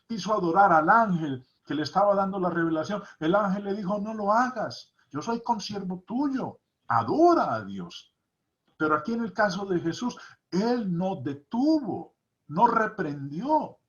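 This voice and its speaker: A man's voice: high-pitched, a bit bright. A man teaching a Bible study lesson, reading scripture aloud and stressing key points by repeating them. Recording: dull lo-fi recording.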